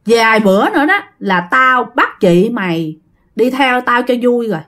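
A woman's voice: fairly high pitch, lively intonation, moderate pace, fairly bright tone. Woman doing a scornful young male ghost. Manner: scornful and rude, then pleading. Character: restless young male ghost possessing a girl.

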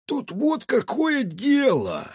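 This is a scruffy male street cat in a storybook, a petty thief full of whiny protests. The voice is very high and bouncy, with a husky edge. It is recorded dry and close. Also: sing-song, no echo, heavily acted. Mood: chatty. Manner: squealing, indignant, fast protests. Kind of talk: audiobook character voice.

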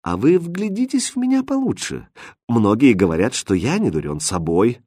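A man voicing a sly, soft-spoken young prince in a storybook reading, quiet and insinuating. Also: mid-range voice, sing-song, normal speed, breathy edge, no echo, clean studio sound.

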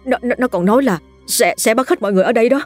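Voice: mid-range voice, fast, faint music behind, lightly acted. A storyteller voicing a young fisherman who stammers in panic after a ghost attack. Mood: terrified.

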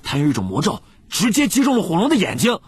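A woman voicing an excitable, loyal teenage boy wizard in an audiobook, chattering fast with big leaps in pitch. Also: breathy edge, heavily acted. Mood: excited.

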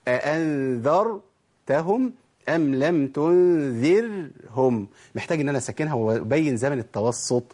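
A man's voice: medium pitch, a little mellow, breathy edge. A man with an Egyptian accent teaching Quran recitation rules, who poses questions to himself and then answers them. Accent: Egyptian Arabic. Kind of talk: spoken tajweed lesson.

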